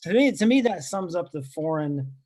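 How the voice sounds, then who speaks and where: Speaking at a moderate pace in a fairly high voice, this thirty-something comedian born in Lebanon does stand-up over a video call from his rented apartment. He's deadpan and mocks himself, slipping in chatty asides.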